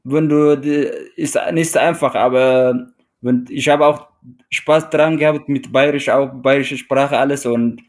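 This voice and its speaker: Interviewed as a guest in a relaxed conversation, this Eritrean mountain runner speaks with an Eritrean accent at a measured pace. His mid-range voice stays steady, but he falters and restarts frequently while reaching for words.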